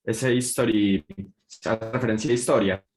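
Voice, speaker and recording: A young man with a Colombian Spanish accent answers his teacher's questions in class. He speaks hesitantly, in a fairly low voice. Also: steady tone, moderate pace, a little mellow, soft background music. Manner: hesitant, tentative. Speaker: student.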